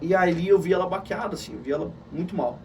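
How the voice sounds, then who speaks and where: A middle-aged man with a southern Brazilian Gaúcho accent, telling an emotional personal story as an interview guest in an animated way. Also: high voice, fast talker, recorded from a distance, slight background noise. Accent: Gaúcho Brazilian Portuguese. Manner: animated, calls the listener "cara" often.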